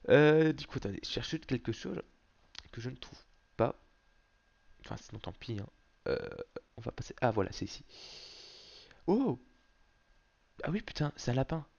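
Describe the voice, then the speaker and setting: A man hosting a gaming video, giving casual, excitable commentary and swearing often. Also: mid-range voice, a little fast, creaky, long pauses, dull audio.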